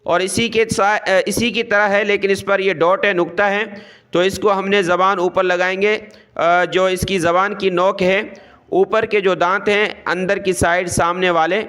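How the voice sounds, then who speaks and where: Man, Urdu accent, teaching Quran letters, level even pitch, very clear voice. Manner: explains mouth positions, then models each letter slowly and drawn out. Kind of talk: step-by-step pronunciation lesson.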